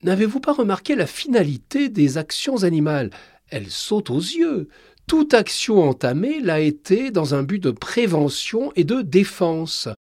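A man reading aloud plays a passionate male scientist, pitched well above his own voice and pressing each point loudly. The voice is husky and dry, and it swings up and down as he argues. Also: very animated, unhurried, no echo, full character voice. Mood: fervent. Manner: fervent, emphatic.

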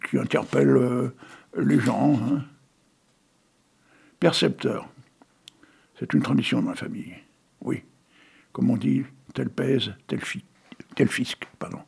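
A man with a deeply gravelly, rough-edged voice and a husky, breathy grain. He hosts a local radio show in a loose, rambling manner, reading verse and corny wordplay. He keeps tossing in little tag words and laughs at his own puns. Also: takes it slowly, pauses often, darkish tone. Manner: rambling, peppers speech with "hein", chuckles at own puns. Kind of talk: casual radio chat reading poems and puns.

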